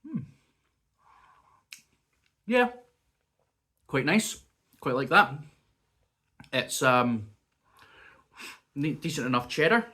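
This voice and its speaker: This mid-range male voice is very animated yet very slow, with long pauses and a pushed, bright quality. He's a food reviewer in a casual vlog at home, taste-testing cheese and crackers and musing aloud as he chats. He's still sniffly, with a lingering cough from a bug.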